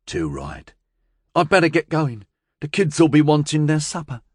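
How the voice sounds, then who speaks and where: A woman's voice: low voice, sing-song, a little slow, a little mellow, slightly rough, dry recording, studio quality, voice pushed up, heavily acted. A male narrator voicing a blunt, slangy young woman aboard a starship. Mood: brisk.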